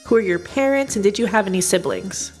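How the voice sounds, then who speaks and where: Calm woman narrating a family history. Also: mid-range voice, a little fast, soft background music. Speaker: interviewer and narrator, granddaughter. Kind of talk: scripted narration and interview questions.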